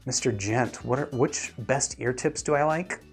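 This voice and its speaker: A male host shares his views on gear while answering viewer questions in a laid-back livestream, thinking through his replies aloud. He speaks at a measured pace in a mid-range voice, with faint music in the background.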